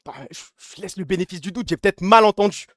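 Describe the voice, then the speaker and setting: A young man streaming live, talking in quick bursts of crude slang with a high voice. The sound is dry and close to the mic, with no room around it. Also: fairly bright tone, no room sound, soft background music. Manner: fast, slangy, crude, laughs often. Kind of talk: casual live-stream chat.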